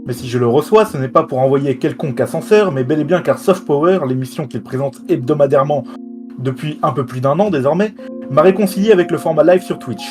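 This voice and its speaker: A man's voice: a little high, lively intonation, a little fast, over music. A man hosting an interview podcast, reading a scripted introduction and questions in formal, ornate wording.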